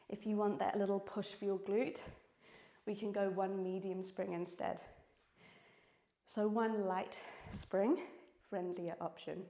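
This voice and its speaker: A woman with a New Zealand accent cues exercises in a mellow, dark voice while working out herself. She is out of breath and keeps up steady encouragement. The sound carries the echo of a studio room. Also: medium pitch. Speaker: fitness instructor. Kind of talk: workout class instruction. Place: indoor reformer studio.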